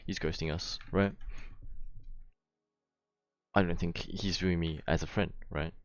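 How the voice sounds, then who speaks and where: A man's voice: sits low, steady tone, measured pace, dull audio, a little hiss or hum. A young man casually explaining himself in a rambling, slangy way, with some swearing and frequent check-in tags. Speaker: gamer, vlogger. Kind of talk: casual explanation to camera of a dispute with friends.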